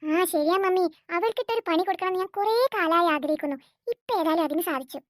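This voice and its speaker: A woman's voice: very high voice, fast talker, no echo, clean studio sound, voice pushed down. A woman voicing a spoiled, spiteful cartoon girl with a smug, whiny way of talking.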